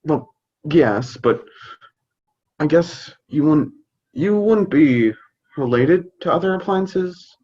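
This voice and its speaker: A man's voice: on the high side, animated, slow pace, long pauses, a little mellow, breathy edge, highs cut off, heavily acted. A man playing a fond, hesitant dad in a scripted stage comedy, fumbling for his words. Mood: awkward, fumbling. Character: fond, hesitant, slightly awkward suburban dad. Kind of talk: scripted youth theater comedy acting.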